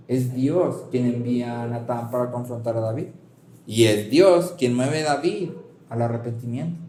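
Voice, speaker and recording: Pastor preaching in a roomy hall. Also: male voice, mid-range voice, dark tone, slight background noise. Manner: conversational, rhetorical questions, frequent "¿sí?" check-ins. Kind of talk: sermon. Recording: roomy hall with faint ambience.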